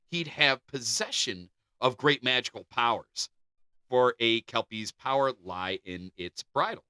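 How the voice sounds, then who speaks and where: A man with a medium-pitched voice co-hosts a podcast, reading folklore aloud and cracking jokes between passages. His manner is animated and jokey, and the recording is dry.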